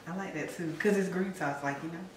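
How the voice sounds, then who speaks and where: A woman's voice: fairly quick, recorded from a distance, a little hiss or hum. A woman in her thirties chatting playfully on a home cooking vlog. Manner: chatty and playful, lively pitch. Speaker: co-host cooking. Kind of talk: casual cooking vlog chat. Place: home kitchen, indoors. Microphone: camera mic from a few feet away. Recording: echoey kitchen, off the mic, soft music.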